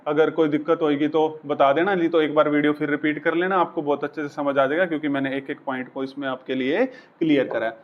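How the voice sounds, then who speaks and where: A man's voice: a little high, muffled recording, slight background noise. A man teaching maths at a whiteboard, chatty and coaxing, talking through each step. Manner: chatty, coaxing, voices the equations as characters.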